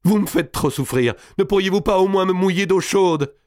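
A man's voice: sits high, moderate pace, pitched above the performer's own voice, lightly acted. A man voicing a humiliated deposed king who pleads in pain. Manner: pleading, pained.

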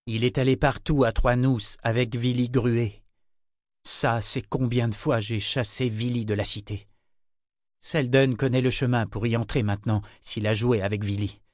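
A man's voice: medium pitch, fairly even intonation, normal speed, darkish tone, no echo, clean studio sound, close to an everyday voice. A man voicing a bitter, insistent grown woman who speaks harshly.

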